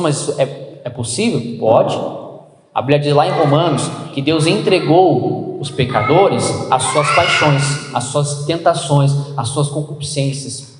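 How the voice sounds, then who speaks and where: A man preaching a sermon as pastor, animated, acting out little dialogues in playful voices. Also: on the high side, a little hiss or hum. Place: church. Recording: echoey church hall.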